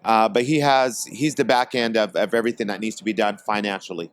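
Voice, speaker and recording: A man from Portland, Oregon, guest on a podcast, speaking hesitantly with many pauses and fillers. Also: on the low side, fairly even intonation. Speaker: guest, tobacco company executive. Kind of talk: casual podcast interview. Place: trade expo.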